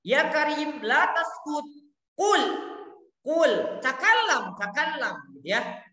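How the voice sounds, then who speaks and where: An Arabic teacher leads an online class teaching children pronunciation, her fairly high, bright voice very animated as she takes things slowly. Patient and encouraging, she drills words and sprinkles in Arabic classroom phrases, recorded in a reverberant, echoey room with long reverb.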